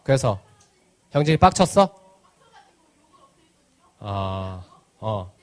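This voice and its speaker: At a church service, a man serving as children's pastor delivers an interactive sermon, gently teasing the kids and asking them question after question. His somewhat low voice has a sing-song quality, and he draws out his words.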